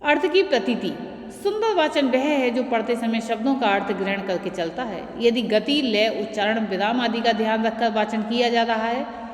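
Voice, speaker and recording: A woman teacher giving a classroom lecture, slowly explaining and stressing example words. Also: fairly high pitch. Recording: echoey room with long reverb.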